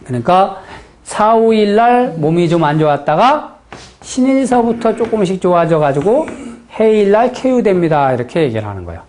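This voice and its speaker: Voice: medium pitch, sing-song, moderate pace, a little mellow. A teacher from the Chungcheong region with a Chungcheong Korean accent, giving a classroom lecture on fortune-telling in a blunt, folksy way and checking in often with rhetorical questions.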